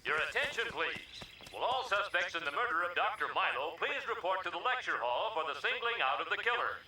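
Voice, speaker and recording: An actor playing a formal male announcer heard over loudspeakers in a cartoon. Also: high voice, sing-song, fairly quick, a little hiss or hum, heavily acted. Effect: heard through loudspeakers. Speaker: public address announcer. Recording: echoey loudspeaker from far off.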